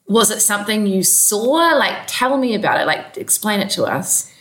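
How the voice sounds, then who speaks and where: A woman hosting an interview, encouraging her guest with short affirmations and gentle questions. Her pitch sits in the middle range. The sound carries a roomy echo. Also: animated, normal speed. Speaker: interview host. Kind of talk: interview conversation.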